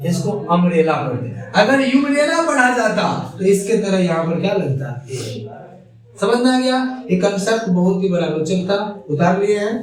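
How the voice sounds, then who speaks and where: A male teacher giving a classroom grammar lesson, asking his students questions and then answering them himself. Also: very high-pitched. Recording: echoey room, far from the mic.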